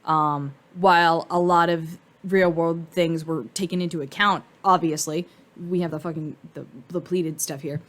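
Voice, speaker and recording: A woman giving casual, rambling fan commentary on cartoon costume design, informal and thinking out loud. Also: fairly low pitch, steady tone, moderate pace.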